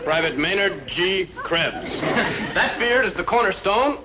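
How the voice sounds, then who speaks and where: An actor playing a pompous, grandiloquent army prosecutor in a 1960s sitcom. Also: male voice, high-pitched, expressive, slow pace, a loud crowd, very noisy.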